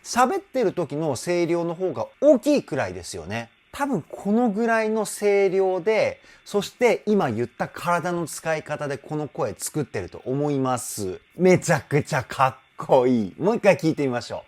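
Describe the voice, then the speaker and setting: Animated male vocal coach, very lively pitch. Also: normal speed, few pauses. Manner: animated, enthusiastic explaining. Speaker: vocal trainer. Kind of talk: reaction and vocal analysis commentary.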